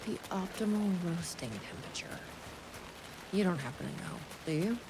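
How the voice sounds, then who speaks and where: An actress playing a determined, uneasy investigator with a wry streak, speaking haltingly as if thinking aloud in a naturalistic video game style. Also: female voice, lowish voice, lively intonation, vocal fry, background noise. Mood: dry, wry. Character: determined woman investigator searching for her brother, uneasy but wry.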